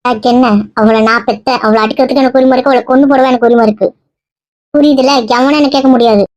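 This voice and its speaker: A woman with a high voice scolds in a homemade family drama skit. Her delivery turns shrill in anger. The sound is dry and close. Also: steady tone, quick pace, darkish tone, no echo, muffled recording. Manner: scolding, shrill when angry. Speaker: vlogger acting family skits.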